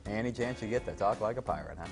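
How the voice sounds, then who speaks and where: A man's voice: fairly low pitch, fast, soft background music. A man hosting a horror movie show, joking wryly with his co-host. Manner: joking, wry. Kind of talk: casual banter.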